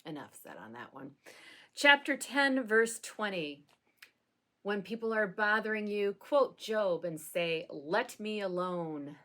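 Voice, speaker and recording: Speaking at a measured pace in a medium pitch, this female pastor addresses the camera informally for a satirical vlog. She keeps a deadpan, dry wit and now and then laughs in an aside.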